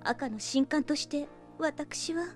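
Audio drama: gentle, troubled young priestess sister, high voice, polite and hesitant, music underneath. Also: female voice, takes it slowly. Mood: troubled, apologetic. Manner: refined, courteous, hesitant. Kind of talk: Japanese audio drama acting.

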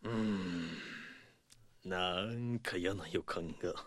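An actor playing a rough, brash but caring young man in an audio drama, with blunt, slangy speech. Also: low voice, slow, heavy background noise. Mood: grumbling. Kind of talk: Japanese audio drama acting.

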